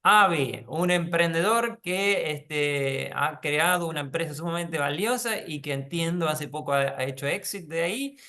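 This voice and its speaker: A man hosts an online panel and banters in a friendly way with his guests. His voice is bright and crisp, sitting a little high. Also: moderate pace, hardly any pauses. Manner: friendly, joking interviewer. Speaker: interview host.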